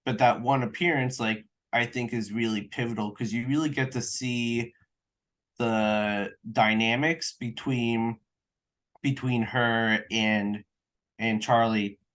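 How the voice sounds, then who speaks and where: A young man co-hosting a podcast, discussing a film in a measured, casual way with "um" pauses. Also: mid-range voice, steady tone, a bit bright. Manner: brief agreeing interjections, then measured with "um" pauses. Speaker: podcast co-host.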